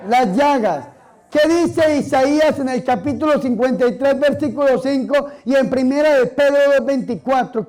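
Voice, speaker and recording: Very high-voiced priest preaching. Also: male voice, a little mellow, rough recording. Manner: emphatic preaching, asks the congregation questions and answers them. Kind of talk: sermon.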